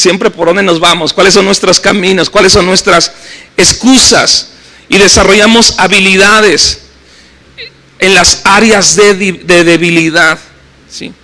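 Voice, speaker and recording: A man's voice sitting high for a man, with a bright, forward ring to it. He is a middle-aged pastor with a Mexican accent, preaching at a church service in an easy, talk-like way, often tossing in little questions to the congregation. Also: rough recording. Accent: Mexican Spanish. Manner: conversational preaching with frequent tag questions. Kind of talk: sermon.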